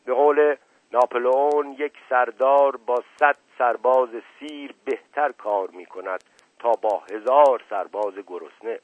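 Casting: male reader doing a loud, boastful old uncle with a quick temper, over a dry, phone-thin line. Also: medium pitch, no room sound, lightly acted. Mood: storytelling. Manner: boastful, shouting down interruptions. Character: pompous hot-tempered older man, a boastful uncle. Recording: dry, narrow phone-like sound.

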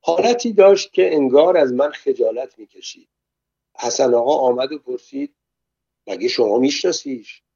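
A man narrating a story aloud in a calm, measured way. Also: fairly high pitch, vocal fry, breathy edge, dry recording, lo-fi sound.

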